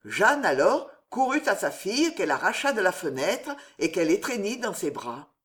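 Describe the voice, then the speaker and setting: A woman narrating a historical novel aloud in a measured, expressive storytelling manner. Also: mid-range voice. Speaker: audiobook narrator.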